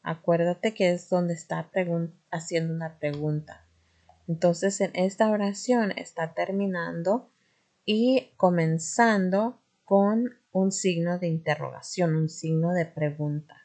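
A woman teaching a grammar lesson, patient and careful, often pausing with fillers and correcting herself. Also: fairly low pitch, warm tone. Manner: patient, self-correcting, frequent "este" fillers.

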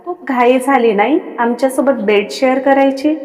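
A woman's voice: high-pitched, moderate pace, darkish tone, in a large hall, lightly acted. A woman voicing a smug, mocking young husband who teases his wife. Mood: teasing. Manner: smug, mocking, calls himself "we". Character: teasing arrogant young husband, man.

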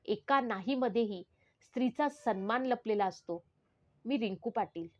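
A woman's voice: fairly high pitch, moderate pace. A woman narrating in the first person as the spirit of a murdered teenage schoolgirl, in a solemn, pleading manner. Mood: grieving.

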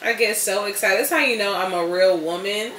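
A young adult woman, chatting excitedly and casually to her vlog viewers in slang. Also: mid-range voice, a little fast, a little hiss or hum, rough recording. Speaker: vlogger and mom.

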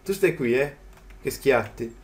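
A man giving casual commentary as he plays a video game, chatty and quick to yelp in surprise. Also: mid-range voice, animated. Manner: chatty, jumps to startled yelps at the game. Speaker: gaming channel host. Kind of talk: let's play commentary.

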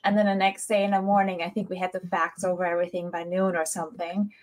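A woman's voice: lowish voice, flat delivery, quick pace, a little mellow. A woman, telling her own story conversationally as an interview guest on a video call. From Austria. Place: indoor room, video call. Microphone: wireless earbuds on video call.

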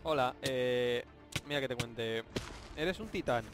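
A young man from Spain with a Spanish accent, giving jokey, excitable commentary over a Minecraft let's play, yelping and shouting when surprised. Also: medium pitch, measured pace. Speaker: gaming YouTuber. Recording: game music playing behind. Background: game music.

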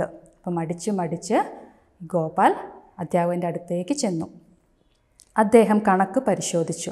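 Mellow-voiced woman teaching online. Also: fairly low pitch. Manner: retells each sentence, then quizzes pupils. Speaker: schoolteacher. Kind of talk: online class storytelling lesson.

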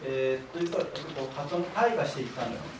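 A man's voice: mid-range voice, expressive, rapid-fire. Man lecturing in a very echoey hall. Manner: patient explanatory, leads audience call-and-response. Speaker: lecturer, library director. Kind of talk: public lecture. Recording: very echoey hall, voice from far off, faint hiss.

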